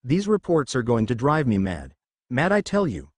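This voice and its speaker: A man's voice: mid-range voice, wildly swooping pitch, moderate pace, no room sound. A man voicing a weary, exasperated woman minister in a storybook reading, speaking in a gleeful, dramatic way.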